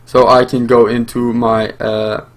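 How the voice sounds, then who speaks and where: A young man who speaks French as his first language runs his own gaming channel, giving live, rambling commentary over a game with plenty of fillers and restarts. His mid-range voice keeps a level tone at a measured pace, with soft music playing in the background.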